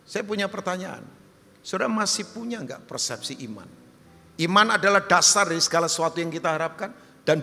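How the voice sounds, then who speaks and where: Male pastor, sermon delivery; animated, wide pitch swings, bright tone, reverberant hall. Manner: animated, jumps high for questions and quoted voices, drops low and soft for appeals; humorous storytelling with asides to the congregation. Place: large church hall.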